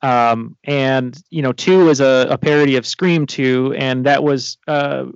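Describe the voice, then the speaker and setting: A man co-hosting a casual podcast, self-deprecating and halting as he tells a story, on a video call. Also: mid-range voice, fairly even intonation, clear, resonant tone, no echo, highs cut off. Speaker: podcast co-host. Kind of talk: casual anecdote.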